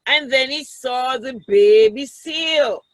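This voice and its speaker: With a high voice and a slow pace, a woman with a Jamaican accent tells a story to children, animated and teacherly, breaking off for remarks to them. The recording has no room sound.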